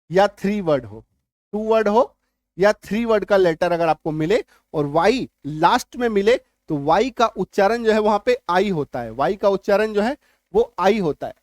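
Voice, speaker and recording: A man with a fairly high voice teaches spelling and spells words out letter by letter. He repeats each point and often checks that his students understand. The sound is dry and close, with no room echo. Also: a little mellow. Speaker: English teacher. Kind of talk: spelling lesson.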